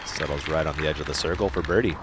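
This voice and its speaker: A man's voice: extremely low pitch, fast, over loud music, a loud crowd. A man calling disc golf play-by-play like a golf commentator, in short clipped phrases over outdoor noise. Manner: clipped, telegraphic calls in golf commentator manner.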